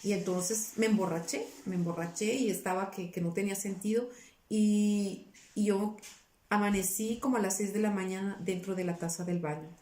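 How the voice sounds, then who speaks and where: A woman's voice: medium pitch, steady tone, normal speed, mellow. A woman giving an earnest, emotional personal testimony, often repeating her words and quoting her own past pleas. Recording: roomy, somewhat distant from the mic.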